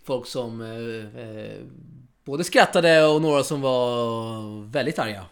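A man hosting a casual tennis podcast in a chatty way, with quick asides and frequent fillers. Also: medium pitch. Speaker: podcast host.

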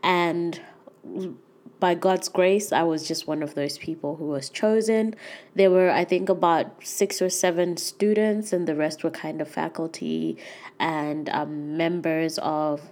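A young woman with a cold hosts her own podcast, chatting alone in an earnest way with lots of fillers. Her voice is deep, nasal and congested, a little mellow, and her pace is measured.

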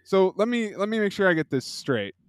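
Smooth-voiced man with dry close sound. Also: high-pitched, big pitch swings, brisk, no echo. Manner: questioning, laid-back, mild swearing. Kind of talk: casual TV discussion.

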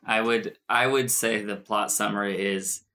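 A man co-hosting a casual film review podcast, joking and bantering quickly. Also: on the low side, steady tone, bright, forceful tone. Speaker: podcast co-host.

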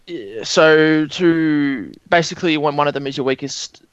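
A man's voice: fairly high pitch, a little slow, clean tone, highs cut off. An Australian man giving opinions in casual sports podcast chat. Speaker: podcast panellist.

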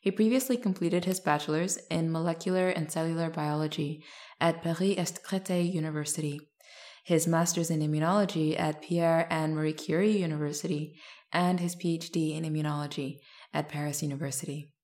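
A woman's voice: low-pitched, fairly even intonation, a little fast, darkish tone. Upbeat woman hosting a science podcast. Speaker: podcast host. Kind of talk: scripted intro then interview.

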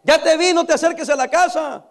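A man voicing a fierce old woman over eighty who shouts stern warnings at an intruder while holding a shotgun. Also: very high-pitched, a little fast, voice pushed up.

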